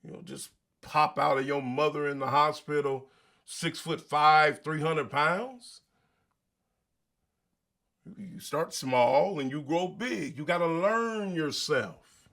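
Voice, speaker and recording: A man with a bright, forceful, slightly high voice hosts a motivational monologue. He preaches emphatically in casual slang and keeps throwing rhetorical questions at the listener. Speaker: show host.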